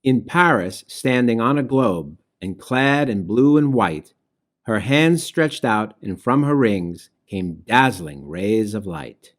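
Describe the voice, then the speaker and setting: With music in the background, a man reads aloud the rhyming verse of a children's storybook he wrote. His fairly low voice is measured and expressive, and his phrases trail off softly at the ends.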